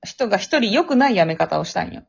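A woman's voice: mid-range voice, sing-song, fast talker, gravelly, husky. Woman with a kansai accent telling a ghost story casually, lots of laughs, muffled app recording. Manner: chatty, laughs often, acts out phone voices. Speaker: podcast co-host. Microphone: app recording over phone.

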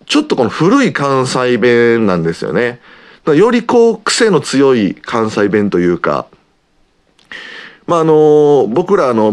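A man with an Osaka Kansai accent hosting his own podcast, talking casually and rambling with lots of filler pauses. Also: fairly low pitch. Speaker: podcast host, pro wrestler. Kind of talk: casual solo radio-style talk.

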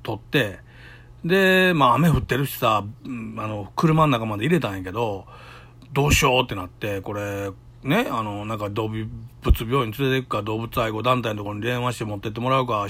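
A man's voice: mid-range voice, a little fast, fairly bright tone. A middle-aged man with a Kansai accent, chatting alone into his podcast and acting out the voices in his stories. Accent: Kansai Japanese. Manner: chatty storytelling, acts out quoted voices. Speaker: solo podcaster. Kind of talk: casual solo talk.

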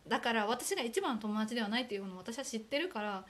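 A woman's voice: a little high, expressive, quick pace. A young woman from Aomori co-hosting a casual chat podcast with her sister, telling stories in a chatty, self-deprecating way. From Aomori, Japan. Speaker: podcast co-host.

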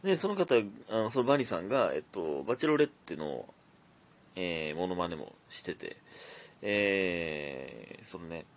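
A man's voice: low voice, very animated, a little slow. A young man with a Kansai accent hosting a casual solo podcast, chatting and reading listener messages aloud. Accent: Kansai Japanese. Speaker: podcast host.

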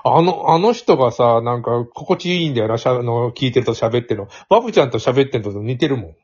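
A man's voice: mid-range voice, animated, a little mellow, breathy edge. A man, rambling through anecdotes in casual podcast chat. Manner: rambling, anecdotal, quick asides. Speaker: podcast co-host. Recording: muffled lo-fi audio.

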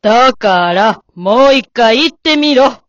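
A woman's voice: fairly high pitch, animated, takes it slowly, fairly bright tone, dry recording. A woman voicing a stern, composed elderly wife in an amateur radio drama, polite and cool with a scolding edge. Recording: dull dry lo-fi recording.

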